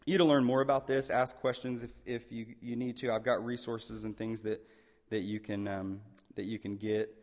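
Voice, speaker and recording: A man giving an unscripted public talk as a presenter, hesitant and often repeating his phrases. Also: lowish voice. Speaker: presenter on elder care taking questions. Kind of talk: public talk, unscripted with some read-aloud passages. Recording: echoey hall, long reverb.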